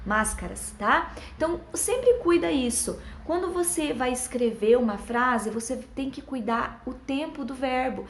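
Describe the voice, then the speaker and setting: A woman's voice: high voice, expressive, measured pace, hardly any pauses, a little hiss or hum. A woman explaining a grammar lesson to her students, patient and explanatory, often checking they follow. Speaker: teacher. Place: classroom with a whiteboard. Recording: echoey room.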